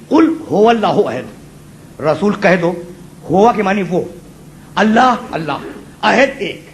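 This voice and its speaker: A man preaching an impassioned sermon to a gathered audience, repeating his phrases, calling his listeners brother and building to shouted peaks. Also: high voice, a little hiss or hum. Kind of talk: impassioned Urdu sermon storytelling. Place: religious gathering before a live audience.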